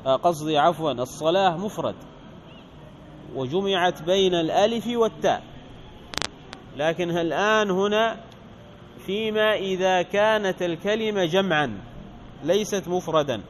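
A male teacher reading a grammar text aloud and explaining it, asking the class questions and slowing down to stress example words. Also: high voice, slight background noise.

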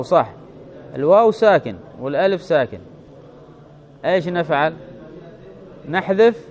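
A man's voice: fairly high pitch, a little mellow. A man with a slightly raised voice teaching a grammar lesson. He works through each step aloud, checks with his students as he goes, and stretches out his example words. The recording sounds dull and lo-fi.

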